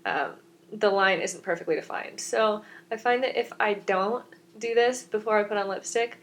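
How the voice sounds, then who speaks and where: A woman's voice: medium pitch, moderate pace, a bit bright, slight background noise. A young woman in her twenties, a beauty vlogger, chatting and explaining each step of her makeup in a rambling, self-mocking way.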